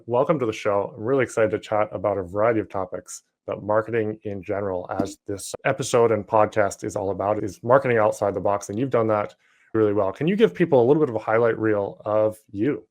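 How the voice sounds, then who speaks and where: A man hosts a marketing podcast with a somewhat low voice. He is upbeat and enthusiastic as he introduces his guest and asks his questions. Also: fairly even intonation, fairly quick. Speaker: podcast host. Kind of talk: casual interview hosting.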